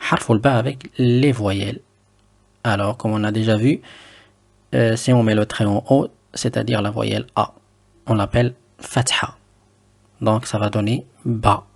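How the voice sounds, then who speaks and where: A man teaching Arabic letters in French, patient and slow, repeating each word for the learner to drill. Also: on the low side, creaky, darkish tone, breathy edge.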